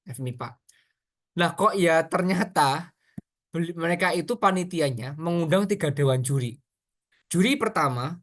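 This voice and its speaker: A man giving an informal public speaking workshop, chatty and animated, talking straight to his audience with asides and quick examples. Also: on the high side. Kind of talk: casual online workshop talk.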